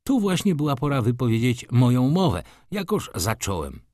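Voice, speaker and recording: Expressive male audiobook narrator. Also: mid-range voice, moderate pace, dry recording, studio quality. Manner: expressive, varied intonation.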